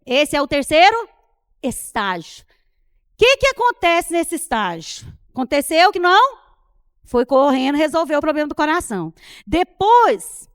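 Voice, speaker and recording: A Brazilian woman preaches with a high, bright voice, moving into lively storytelling and playing out conversations as she goes. The sound is dry and close, with no room echo. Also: unhurried, pauses often. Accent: Brazilian Portuguese. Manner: animated storytelling, acting out dialogue. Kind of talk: sermon with personal anecdotes. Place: church retreat.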